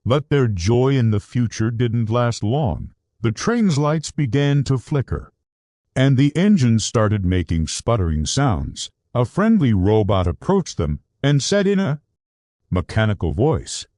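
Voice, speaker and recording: A man narrating a scripted children's adventure story in an animated storybook manner. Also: medium pitch, unhurried, no room sound, clean studio sound.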